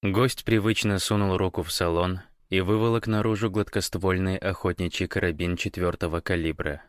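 A male audiobook narrator reads the story in a steady, even way. His voice sits low and sounds dry and close, with no room around it. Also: normal speed, no echo. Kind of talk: scripted fiction narration.

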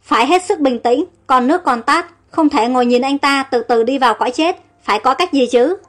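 A woman voicing an anxious, quick-witted young woman, speaking in worried, urgent bursts. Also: sits high, soft background music. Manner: worried, urgent inner monologue. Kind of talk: storybook character voice.

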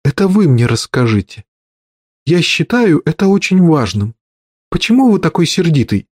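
A man reading an audiobook and voicing a calm, determined young woman who keeps asking pointed questions. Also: a little high, normal speed, no room sound, clean studio sound, voice pushed up. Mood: probing. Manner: earnest, persistent questioning.

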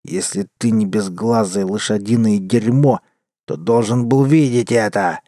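A man's voice: lowish voice, dark tone, no room sound, studio quality, natural voice. Brief: male narrator as cold saloon villain, drawled, growling delivery. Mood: menacing. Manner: slow, hissing growl. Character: menacing older male card-sharp gunslinger.

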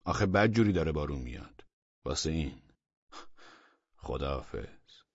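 A man voicing a weary, mild-mannered male burglar in a story reading, speaking calmly and without worry. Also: very deep voice, husky, dry recording, dull audio, full character voice. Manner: calm, weary, unbothered.

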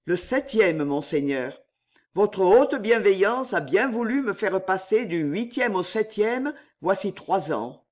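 A man's voice: high-pitched, animated, takes it slowly. A man reading the part of a marquis who governs a prison, emphatic and agitated. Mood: fearful. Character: suspicious, then fearful male fortress governor.

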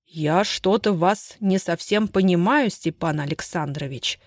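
A woman's voice: medium pitch, normal speed, no room sound, studio quality, close to an everyday voice. A woman reading aloud, voicing a weak-willed, nervous husband who pleads in a shaken voice. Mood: pleading.

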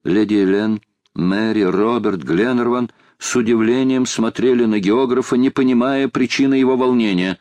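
A man narrating an audiobook in a measured, even storytelling manner. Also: mid-range voice, no echo. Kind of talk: scripted narration.

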